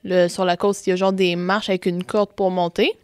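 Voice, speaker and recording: A woman's voice: lowish voice, level tone, fairly quick, a little mellow, smooth, dry recording, studio quality. A young woman with a Québécois French accent, co-hosting a casual chat, telling her stories hesitantly. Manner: hesitant, many restarts, laughs easily. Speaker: co-host.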